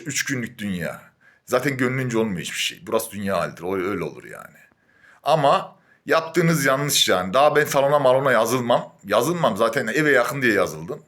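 A young man venting in an angry monologue, heated, swinging between low muttering and a raised voice, full of oaths. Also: fairly bright tone. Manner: swears oaths often. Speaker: gym-goer venting on camera.

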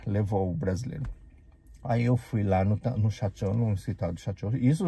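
A man from Brazil with a Brazilian Portuguese accent, telling an animated story casually and acting out the people in it. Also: mid-range voice, gravelly, slightly rough, no echo. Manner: animated, acts out the people in his stories. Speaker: vlogger.

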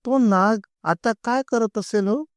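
A man voicing an excitable, mischievous young boy in a told comic story. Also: sits high, unhurried, no echo, studio quality, pitched above the performer's own voice. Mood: scheming.

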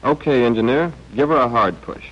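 An American man narrates a scripted 1940s training film with wry understatement, his medium-pitched, fairly bright voice moving a little fast. It is a film voice-over, heard on a dull, band-limited old soundtrack.

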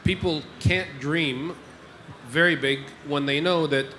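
A man's voice: fairly high pitch, slow, bright, forceful tone, slight background noise. A man speaking as an investor on a panel, emphatic, repeating his points and checking in with the audience. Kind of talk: panel discussion. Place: stage in a large tent with an audience. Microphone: handheld mic.

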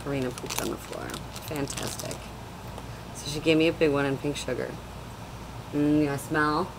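Young woman vlogger, low voice, chatty and rambling, noisy webcam audio at home. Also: steady tone, moderate pace, gravelly. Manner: chatty, rambling, many fillers. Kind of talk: casual product haul chat. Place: small room at home, indoors. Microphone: webcam at desk.

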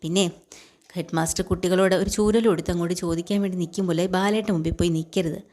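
Woman casually retelling a serial, mellow voice. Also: lowish voice, fairly even intonation, fast. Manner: conversational narration, voicing characters' lines in passing. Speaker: storyteller.

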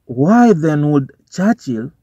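Fairly high, mellow and breathy at the edges, the voice is very animated yet slow. It belongs to a young Kenyan man vlogging from a parked car, swearing casually and slipping between English and Swahili slang with a Kenyan accent. His phone or camera sits on the dashboard, and the sound is dull and dry.

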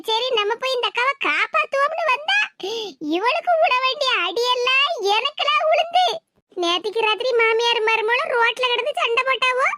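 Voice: very high voice, very noisy. Voice actor doing whiny sly young daughter. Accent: Kanyakumari Tamil. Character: sly, lazy young daughter, self-pitying. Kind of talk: cartoon voice acting.

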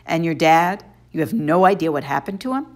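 A woman's voice: low-pitched, animated, fairly quick. A woman voicing a wry teenage boy hero who asks blunt questions. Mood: amazed.

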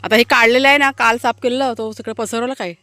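A woman's voice: fairly high pitch, steady tone, fast, sharp tone, no room sound. A woman family vlogger chatting casually to her viewers while she works outdoors in a village garden, talking fondly to her dogs, recorded on a handheld phone.

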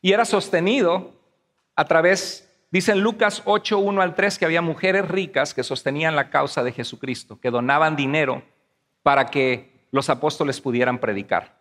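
A man's voice: a little high, moderate pace, a bit bright. A man preaching a sermon as pastor, telling the story with animation and acting out voices. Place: church hall. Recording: long hall reverb.

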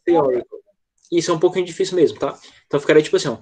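A man's voice: on the high side, racing, crowd noise. A male teacher, giving an online English lesson over a video call and patiently explaining pronunciation with frequent check-ins. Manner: patient, repeats "tá?" checks after each point.

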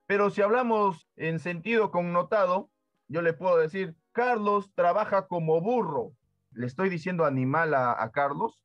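A man giving a classroom-style lesson, often pausing to ask his listeners whether they follow. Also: high-pitched, no echo. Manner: keeps asking "¿sí o no?" as a check-in, lively teacherly emphasis. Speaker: teacher. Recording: dull dry lo-fi voice with faint music.

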